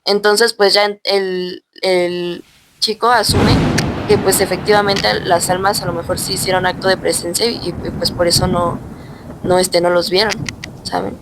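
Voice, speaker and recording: A woman's voice: on the low side, little pitch movement, normal speed, noisy background. Hesitant Mexican woman retelling a scary story. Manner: hesitant, with many fillers like "o sea" and "pues". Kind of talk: casual horror storytelling.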